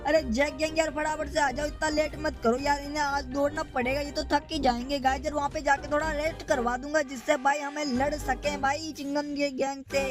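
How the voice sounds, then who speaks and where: A man giving excited, hurried gameplay commentary while playing his own character. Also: very high-pitched. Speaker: gaming channel host. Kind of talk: gameplay commentary role-play. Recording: loud background game music.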